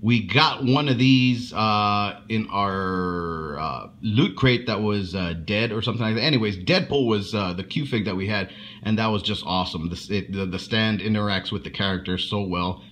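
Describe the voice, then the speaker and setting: A man doing casual unboxing commentary in a rambling, halting way, swearing freely as he goes. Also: on the low side, fairly bright tone. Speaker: unboxing vlogger.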